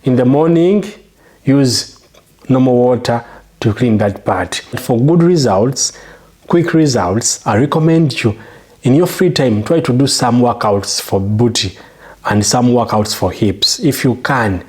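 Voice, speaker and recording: A man speaking with a Ugandan English accent walks viewers step by step through a how-to video on his channel, repeatedly making sure they keep up. His mid-range, slightly mellow voice moves at a measured pace, with an emphatic, promotional delivery.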